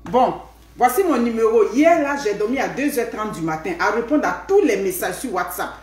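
A woman's voice: on the high side, moderate pace. Middle-aged woman, Ivorian French accent, chatty live-stream host, keeps asking "hmm?", echoey room at home. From Ivory Coast. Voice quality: lively, punctuated by questioning "hmm?". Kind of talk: casual live chat.

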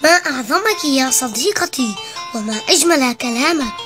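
A narrator voicing a proud, grumpy male pencil in an animated story for children. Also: sits high, moderate pace, over music. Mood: softened.

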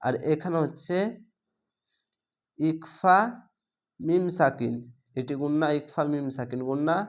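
A man with a Bangladeshi Bengali accent and a somewhat high voice gives an unhurried, patient Quran reading lesson. He spells out each syllable letter by letter, drawing out the long vowels in a slow recitation.

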